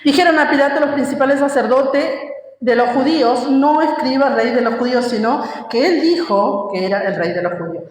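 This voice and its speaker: In a brisk, high-sitting voice, a woman delivers an emphatic sermon and asks her listeners questions while teaching. Hall reverb echoes around her.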